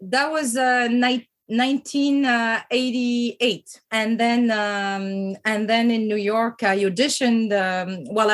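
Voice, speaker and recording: A woman from France with a French accent, a podcast guest and former dancer, telling her story with many hesitations. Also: on the high side.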